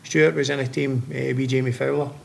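A man's voice: medium pitch, flat delivery, fairly quick, creaky. A man with a west of Scotland accent, a former footballer chatting casually as a podcast guest. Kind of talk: casual chat.

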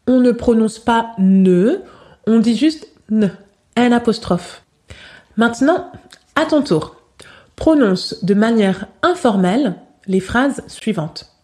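A woman teaching spoken in a podcast lesson, saying each example slowly and carefully and repeating it for learners. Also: fairly high pitch, a little mellow. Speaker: French teacher.

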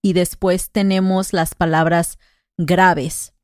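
Sex: woman. Pitch: low. Pace: very slow. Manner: patient explainer. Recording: dry. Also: little pitch movement, no echo. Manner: patient, slows down to spell out rules and examples. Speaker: co-host explaining Spanish grammar. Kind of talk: conversational language lesson podcast.

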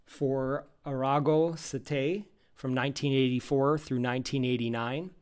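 A man reading a scripted podcast introduction that lists a guest's credits in a steady announcing tone. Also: medium pitch.

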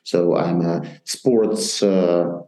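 A middle-aged man with a Ukrainian accent, speaking haltingly and matter-of-factly as a guest in a remote interview from a shelter. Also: sits low, steady tone, warm tone. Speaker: interview guest, soldier and communications manager. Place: bomb shelter. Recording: roomy, echoing remote connection.

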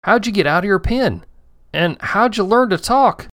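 A man's voice: sits high, expressive, moderate pace, a bit bright, dry recording, studio quality, pitched above the performer's own voice. A man voicing a cheerful old male farmer in a kids' storybook, with a homespun rural drawl. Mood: surprised.

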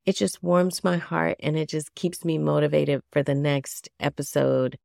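Podcast host, woman, low and slightly gravelly, unhurried, a bit nasal, dry close mic. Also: steady tone, no room sound. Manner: gentle, chatty, self-deprecating. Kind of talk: solo podcast talk.

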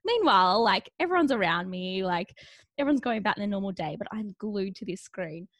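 Animated, laughing woman podcast host. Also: medium pitch, a little fast, no echo, studio quality. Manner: animated storytelling, laughs often. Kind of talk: casual chat.

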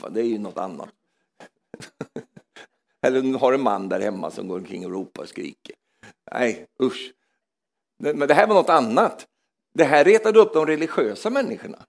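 A man preaching a charismatic sermon in a church, swinging between loud exclamations and hushed asides, often repeating words as he goes. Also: mid-range voice, vocal fry.

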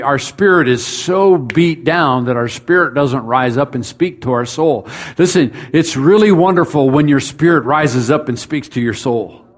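A pastor preaching a sermon in a conversational way, talking straight to his congregation and building up to emphatic rhetorical questions. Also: fairly high pitch. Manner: conversational, speaks directly to the congregation.

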